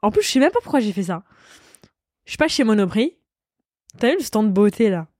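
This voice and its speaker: A woman's voice: medium pitch, big pitch swings, fairly quick, darkish tone, dry recording, clean studio sound. A young woman co-hosting a casual chat podcast, playful and teasing with lots of slang. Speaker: podcast co-host.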